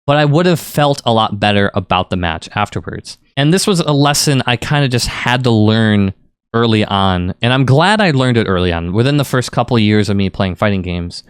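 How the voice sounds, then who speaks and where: A man talks through fighting-game strategy in a relaxed, rambling coaching style, now and then pushing a point hard. His voice is smooth and resonant, at an ordinary middle pitch. The recording is close and dry, with no room sound. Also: no room sound. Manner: conversational, rambling, lively emphasis. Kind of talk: casual explanatory commentary.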